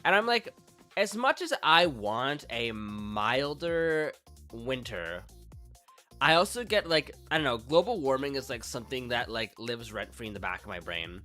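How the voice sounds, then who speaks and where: Woman, streamer, casual chat, joking, crude, lively pitch, bright tone. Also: measured pace, soft background music. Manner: animated, joking and crude, laughs often, reads chat aloud.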